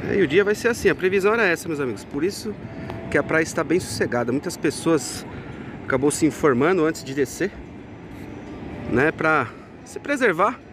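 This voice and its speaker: Fairly quick and expressive, a Brazilian vlogger's slightly high voice carries over background noise as he talks casually to viewers from a market and a beach. Shot outdoors on a handheld phone, he's chatty and keeps addressing his audience as friends.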